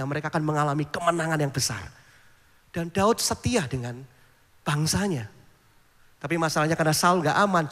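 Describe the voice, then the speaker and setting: A man preaching in a church, his voice sitting high and ringing bright. He tells stories with animated mimicry of other people's voices, and a long hall reverb trails every phrase. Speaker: pastor. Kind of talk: sermon.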